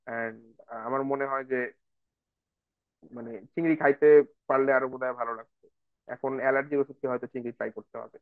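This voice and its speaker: A man's voice: medium pitch, steady tone, fairly quick, long pauses, dry recording, narrow, tinny audio. A man teaching an online IELTS speaking class, explaining patiently and slipping into English phrases. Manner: explanatory, addresses viewers as brother and sister, switches into English phrases. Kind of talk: online lesson mixing Bengali and English.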